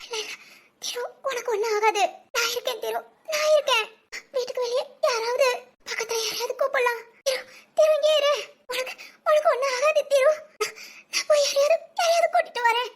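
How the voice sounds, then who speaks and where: A woman doing a squeaky frantic young wife. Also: normal speed. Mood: panicked, tearful. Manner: panicked, stammering, tearful. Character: frantic young woman, devoted to her husband. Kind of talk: cartoon voice acting.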